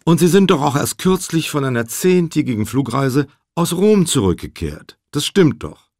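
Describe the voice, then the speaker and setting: Ein hartnäckiger, drängender Anwalt im Kreuzverhör, von einem Mann gelesen, laut und etwas höher als die Erzählstimme, mit lebhaft springender Betonung. Er bohrt unnachgiebig nach und lässt nicht locker. Eine trockene, nahe Hörbuchaufnahme ohne Raumhall. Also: male voice, on the high side, sing-song, moderate pace, darkish tone, no room sound, studio quality, voice pushed up. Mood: pressing. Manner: insistent, cross-examining. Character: sharp, pressing male lawyer, relentless questioner.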